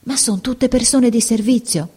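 A woman's voice: fairly high pitch, normal speed, dark tone, husky, pitched above the performer's own voice. A woman reading a story, voicing a timid, bewildered young girl who asks anxious questions.

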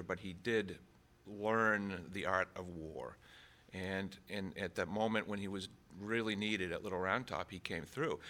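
Male author guest from Maine; lowish, bright voice; halting interview talk full of ums. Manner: hesitant, many fillers and restarts. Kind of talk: conversational interview.

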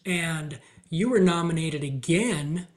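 A man hosting an interview podcast, asking questions in a measured way and recounting details of the guest's achievements. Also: fairly high pitch. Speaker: podcast host, conference commissioner. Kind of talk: interview host.

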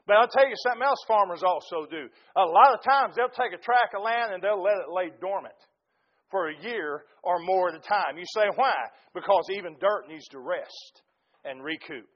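Man, preacher, sermon, high voice, emphatic repeated lists, talks straight to the congregation, dull muffled recording. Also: animated, normal speed. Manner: earnest, direct address to the congregation.

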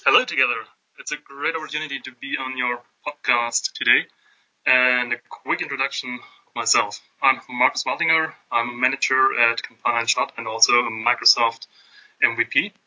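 A man from Germany with a German accent, a guest consultant explaining things in a measured podcast interview. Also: medium pitch, fairly even intonation, pushed and bright, lo-fi sound.

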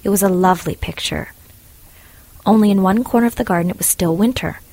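A woman calmly narrating a fairy tale in a measured storytelling manner. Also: medium pitch, creaky. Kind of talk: storybook reading.

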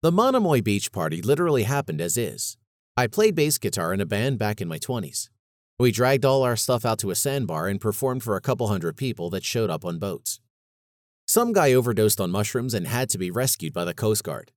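A man's voice: lowish voice, very animated, brisk, dry recording, studio quality. A man reading a story and voicing a chatty middle-aged male author who rambles easily.

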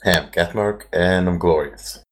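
Deep, pitch-shifted man on a voice changer. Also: unhurried, a little hiss or hum. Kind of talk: casual group chat. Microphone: online voice chat.

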